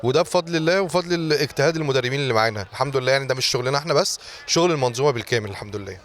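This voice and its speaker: A man's voice: medium pitch, lively intonation, very fast, a bit bright, slight background noise. An Egyptian man who runs a sports academy, answering interview questions earnestly and repeating thanks.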